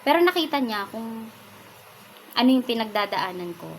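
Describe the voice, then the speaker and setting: Vlogger, woman from the Philippines, soft-spoken, pausing often, personal testimony, faint hiss behind. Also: on the high side, expressive, low-quality recording.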